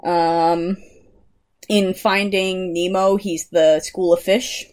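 A young woman co-hosting a casual podcast in a slightly low voice. She is chatty, laughs easily and reads out trivia in an eager, conversational way. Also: level tone, slow, darkish tone. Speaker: podcast co-host. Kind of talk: casual chat.

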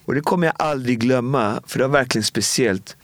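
A man's voice: medium pitch, no room sound. A man in his forties sharing a personal story in an interview, talking casually and from the heart, often quoting what people said. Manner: casual and heartfelt, with frequent filler words and quoted dialogue. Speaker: guest.

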